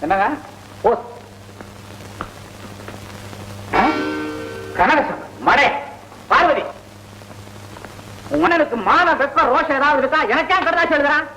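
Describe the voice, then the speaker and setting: A man's voice: very high voice, unhurried, pauses often, sharp tone, soft background music, heavily acted, low-quality recording. An actor playing a hot-tempered middle-aged father who scolds and blusters in old film dialogue. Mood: grumbling.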